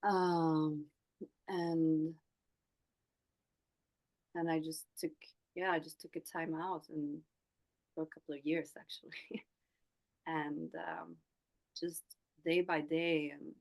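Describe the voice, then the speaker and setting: Slow, low-voiced Swedish woman in her forties. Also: level tone, vocal fry, rough recording. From Sweden. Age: 40s. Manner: soft, hesitant, with many pauses and restarts. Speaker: guest. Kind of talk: reflective personal story.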